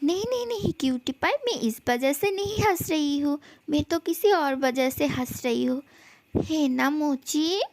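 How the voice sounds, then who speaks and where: A woman's voice: high voice, a little slow, darkish tone. A woman reading a fan love story aloud, giving every character's lines in much the same voice.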